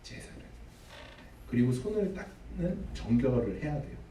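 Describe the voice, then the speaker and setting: A man's voice: mid-range voice, sing-song, moderate pace, dark tone, slight background noise. A man preaching a sermon as pastor, dramatic, acting out the figures he quotes. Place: church sanctuary. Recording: echoey hall, mic at a distance.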